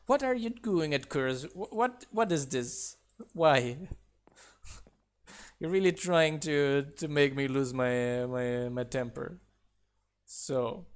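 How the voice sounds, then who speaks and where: Building away on a live game stream, this non-native English-speaking mod developer talks casually in a fairly high voice. He counts blocks out loud and chuckles at the mistakes he makes.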